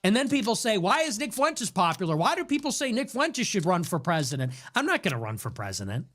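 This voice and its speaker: A young adult man hosting his own show, delivering an impassioned rant packed with rapid rhetorical questions and repetition. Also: high-pitched, big pitch swings, a bit bright. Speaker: show host. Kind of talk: impassioned ranting monologue. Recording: noisy background.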